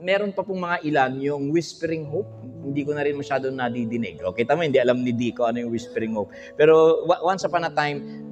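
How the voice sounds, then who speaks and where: A high-pitched Filipino man preaches on a livestream in an animated way. He keeps asking his listeners questions and breaks into bits of song. His voice carries a long hall reverb with faint music underneath. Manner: animated, audience questions, bursts of singing. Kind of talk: livestream sermon.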